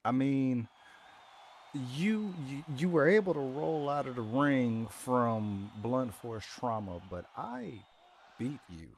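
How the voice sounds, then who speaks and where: Man playing a slow, emphatic pro wrestler calling someone out. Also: mid-range voice, animated, slight background noise. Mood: confrontational. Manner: deliberate, emphatic, with drawn-out words. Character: swaggering male pro wrestler calling out the champion. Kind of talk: in-ring wrestling promo.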